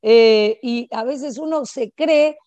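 Older Argentinian woman preacher, somewhat high voice, dry recording, casual conversational sermon with tag questions. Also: slow, dark tone, dry recording. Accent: Argentinian Spanish. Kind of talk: informal sermon.

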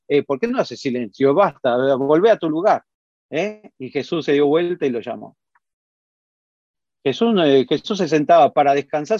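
A man preaching a sermon, telling Bible stories in a lively way and acting out the characters with voices. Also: a little high, no room sound, muffled recording. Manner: lively storytelling, acts out Bible scenes with voices.

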